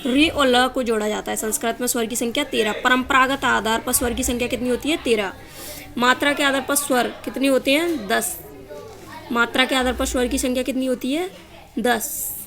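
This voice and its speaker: A woman's voice: high voice, moderate pace. A woman teaching an exam-prep grammar lesson, asking quiz questions and answering them herself, stretching vowels to show their length. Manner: asks and answers her own quiz questions.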